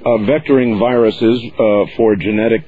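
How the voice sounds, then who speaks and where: A man hosting a call-in radio talk show, with a smooth radio host delivery and an easy, steady way of taking callers. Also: on the low side, normal speed. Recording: muffled radio broadcast with faint hiss.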